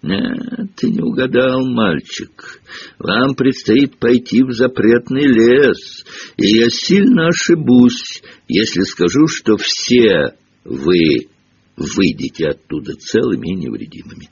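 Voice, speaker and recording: A man voicing a spiteful old male school caretaker who talks in a slow, gloating, menacing way. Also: deep voice, expressive, darkish tone, slightly rough, highs cut off, heavily acted. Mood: mocking.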